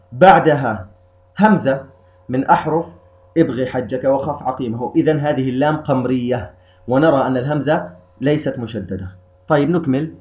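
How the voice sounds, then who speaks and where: A man teaching Quran recitation rules in a calm, methodical lesson. He slows down to recite the verses. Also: mid-range voice, highs cut off. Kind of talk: explanatory tajweed lesson.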